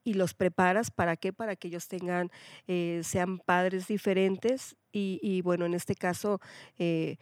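A woman's voice: on the low side, steady tone, measured pace, darkish tone, no room sound, studio quality. A woman pastor hosting a casual faith talk show, asking rhetorical questions as she guides the talk. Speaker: pastor, host.

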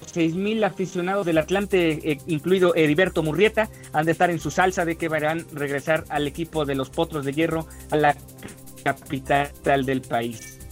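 A man's voice: fairly high pitch, steady tone, normal speed, faint music behind. A man reading a radio sports report over a remote line that keeps breaking up, his words clipped and skipped. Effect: breaking up on a remote line, dropping out. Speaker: sports news co-host.

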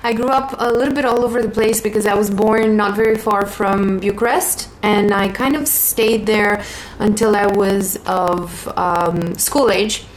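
Actress in her 30s, reflective and good-humored, mid-pitched, faint background hiss. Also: fairly even intonation, a little slow, low-quality recording. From Romania. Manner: thoughtful, laughs easily. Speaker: guest, theater actor. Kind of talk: casual interview chat. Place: rental apartment.

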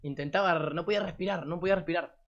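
A man's voice: a little high, rapid-fire, a bit bright. A young man in his late teens with an Argentine Rioplatense accent, telling a story casually to a live audience as a streamer, rambling and slangy with plenty of swearing. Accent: Argentine Rioplatense Spanish. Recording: dull lo-fi recording.

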